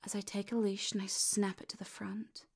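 Breathy whispering woman with vocal fry. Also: mid-range voice, flat delivery. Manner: soft, slow, commanding whisper. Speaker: hypnosis audio creator. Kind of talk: whispered hypnosis roleplay.

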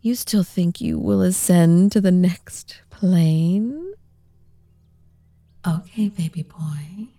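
A woman voicing a dominant, teasing supernatural seductress in an intimate ASMR role-play, breathy and hushed, right in the listener's ear. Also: fairly low pitch, expressive, slow, no echo, clean studio sound, exaggerated voice. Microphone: very close microphone.

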